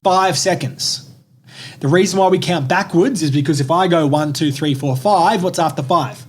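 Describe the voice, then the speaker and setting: A young man co-hosting a motivational podcast, talking in an energetic, emphatic way and swearing casually. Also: fairly high pitch, normal speed, husky. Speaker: podcast co-host. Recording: faint background noise.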